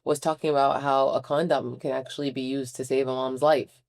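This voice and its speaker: A woman's voice: extremely low pitch, level tone, a little fast, darkish tone. A woman hosting a podcast interview, chatty and enthusiastic as she talks with her guest. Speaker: podcast host. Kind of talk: casual interview chat.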